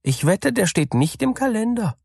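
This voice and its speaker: A man's voice: high-pitched, very animated, moderate pace, gravelly, a little mellow, husky, dry recording, clean studio sound, pitched above the performer's own voice, heavily acted. A man voicing a poor, trusting female mouse in a fairy tale, fretful and easily puzzled.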